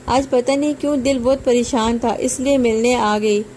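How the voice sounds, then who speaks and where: A caring older mother, gentle and anxious for her son, as a woman narrator reads her. The voice is soft and mellow, pitched a little high, with faint noise behind it. The pace is calm and unhurried. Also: close to an everyday voice. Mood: tender.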